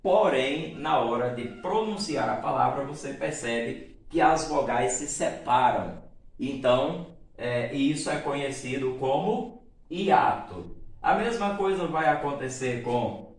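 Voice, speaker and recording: A male teacher talks through a lesson in a patient, drawn-out way, pausing to check that everyone is following. His voice sits at an ordinary pitch and carries a strong room echo. He sounds a little away from the microphone. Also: expressive. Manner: explains slowly, checks in with "certo?" and "tá bom?". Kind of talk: recorded grammar lesson. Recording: echoey room, voice from a distance.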